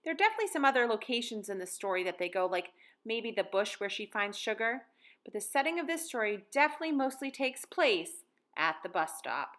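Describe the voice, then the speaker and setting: Sing-song and a little fast, an American teacher in her thirties reads a picture book to young kids and walks them through a lesson in easy, guiding language. Her voice sits on the high side and is somewhat bright.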